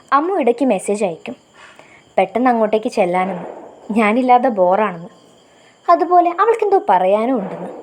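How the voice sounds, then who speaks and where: A woman's voice: medium pitch, a little hiss or hum. Young woman narrating a love story. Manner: soft, reflective storytelling. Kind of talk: first-person story narration.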